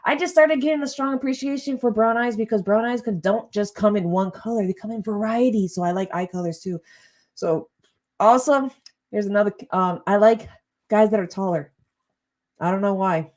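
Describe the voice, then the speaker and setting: A woman's voice: mid-range voice, a little mellow. A young adult woman chatting casually and rambling on her live stream, often trailing off and breaking into laughter. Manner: chatty, rambling, quick swings into laughter and exasperation.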